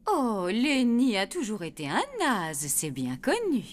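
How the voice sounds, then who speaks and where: A woman voicing a gossipy, scornful woman in an animated children's cartoon. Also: medium pitch, a little slow.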